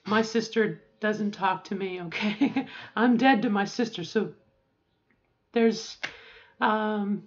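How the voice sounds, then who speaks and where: A woman's voice: medium pitch, takes it slowly, long pauses, muffled recording. A woman in her forties talking casually to camera, rambling and correcting herself as she gives advice. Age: 40s. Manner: rambling, self-correcting, chatty. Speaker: vlogger.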